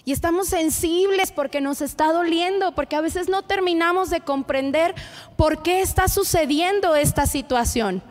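A woman's voice: very high-pitched, big-room sound. A woman preaching a sermon in an earnest, conversational way, speaking straight to the listener.

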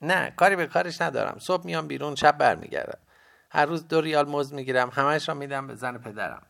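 Male reader as poor ten-year-old errand boy, raised pitch, earnest. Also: vocal fry, fairly bright tone. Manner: plain, earnest answers.

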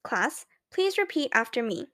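A woman voicing a polite, prim schoolteacher who speaks to her class with measured, formal diction. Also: fairly high pitch, big pitch swings, sharp tone, exaggerated voice. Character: female schoolteacher, polite, prim, quietly pitying.

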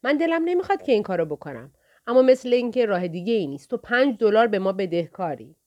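A woman's voice: medium pitch, very animated, darkish tone, highs cut off, close to an everyday voice. A woman voicing a bullying burly man who threatens and mocks in a storybook reading. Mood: menacing. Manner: taunting, threatening. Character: bullying burly grown man, menacing and mocking.

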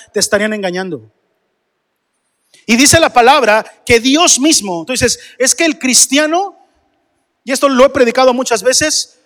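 A man preaches to his congregation in a high voice, pressing them with question after question. His voice rings out with a long reverb from the church hall around him. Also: a bit bright. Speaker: pastor. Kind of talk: sermon.

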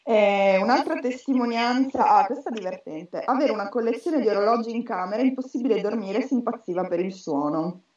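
A woman's voice: on the high side, fairly quick, hardly any pauses, darkish tone. Female host, thirties, chatty and joking, casual group talk, roomy sound set back from the mic. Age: 30s. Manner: jokey, chatty. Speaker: host reading listener contributions. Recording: echoey, dull, distant mic.

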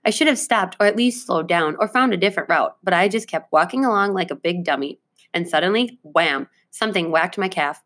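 Lady reading as an old grandpa telling a story, lowish and gentle, kinda dramatic. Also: lively intonation, brisk. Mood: hushed storytelling. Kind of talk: reading a children's book aloud.

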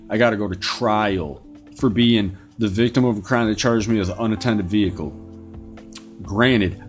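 A man hosting a podcast, telling a story in an indignant, profane rant. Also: sits low. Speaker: podcast host. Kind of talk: angry storytelling monologue.

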